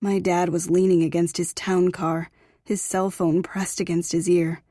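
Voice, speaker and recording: A woman's voice: on the low side, little pitch movement, unhurried, mellow, dry recording, clean studio sound. A woman narrating a first-person romance audiobook in an intimate, emotional reading.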